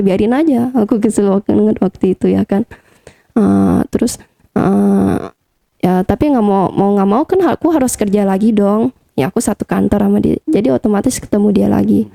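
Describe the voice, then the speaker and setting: A woman's voice: mid-range voice, vocal fry, warm tone, dry recording. A young woman being interviewed, telling a personal story casually, with lots of hesitant fillers. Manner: chatty, hesitant with many fillers. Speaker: interview guest.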